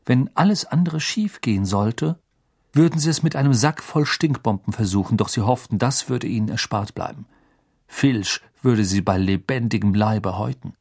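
A man narrating a children's fantasy audiobook with a steady, expressive reading. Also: medium pitch, normal speed, husky, no echo, clean studio sound. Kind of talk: scripted narration.

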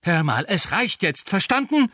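A man's voice: medium pitch, unhurried, no echo, clean studio sound, natural voice. Harry, a man doing an irritable bitter teen boy. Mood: exploding. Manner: curt, irritable.

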